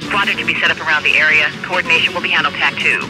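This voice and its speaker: A man's voice: on the high side, fairly even intonation, racing, low-quality recording. A man voicing a male police dispatcher, giving clipped procedural calls over a police radio. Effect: police radio transmission. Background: loud game music.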